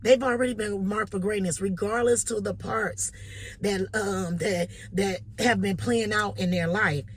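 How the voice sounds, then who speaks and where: A woman vlogger with a Detroit accent, telling a motivational story in a casual, animated way and often checking in with "you know what I'm saying.". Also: mid-range voice, a little slow, husky.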